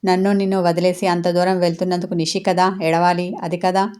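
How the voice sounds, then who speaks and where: Brief: woman playing a protective lawyer aunt, lowish, level tone, audio story. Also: little pitch movement, a little fast, darkish tone, smooth, natural voice. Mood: consoling.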